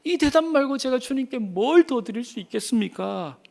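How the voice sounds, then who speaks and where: A man voicing a humble, ashamed male disciple who answers in a quiet, hesitant way. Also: very high voice, animated, moderate pace, creaky, pitched above the performer's own voice, exaggerated voice. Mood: sheepish.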